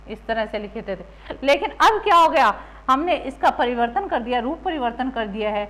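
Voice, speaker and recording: A woman's voice: fairly high pitch, a bit bright, poor audio. A woman teacher giving a grammar lesson, asking the class questions and then answering them herself.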